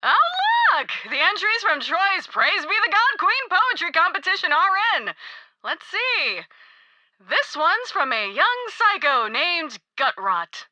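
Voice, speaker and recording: A cult queen from a video game, sweet on the surface and murderous underneath. Her voice is high and bright, leaping up and down in mocking sing-song, and she takes her time with every word. The sound is dry and close. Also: very animated, slow, no room sound, heavily acted. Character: gleeful, cruel young woman cult queen. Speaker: cult leader God Queen.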